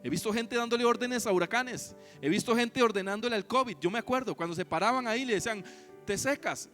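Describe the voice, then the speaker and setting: A man with a rather high voice preaches a church sermon, often calling out questions to the congregation. He moves from loud, emphatic lines to hushed, low ones, with soft music playing faintly behind him. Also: quick pace. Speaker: pastor. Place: church service.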